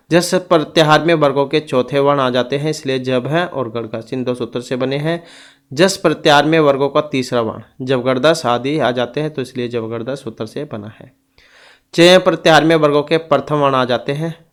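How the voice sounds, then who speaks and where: A man teaching an exam-prep grammar lesson who reads out rules and goes through lists one item at a time. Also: medium pitch.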